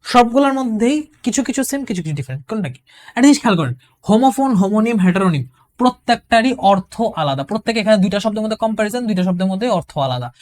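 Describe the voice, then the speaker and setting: A man from Bangladesh tutoring admission candidates in a casual recorded lesson, explaining step by step in a chatty, colloquial way and slowing down to read example sentences aloud. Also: high-pitched, big pitch swings, darkish tone. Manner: chatty, loses track and restarts, colloquial.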